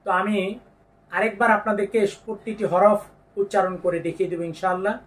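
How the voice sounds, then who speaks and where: A man teaching Quran pronunciation, patiently explaining each letter and drawing out the sounds slowly. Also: sits high, steady tone, fairly bright tone, far from the mic. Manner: slow drawn-out demonstrations of letter sounds, patient instructions. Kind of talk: step-by-step pronunciation lesson.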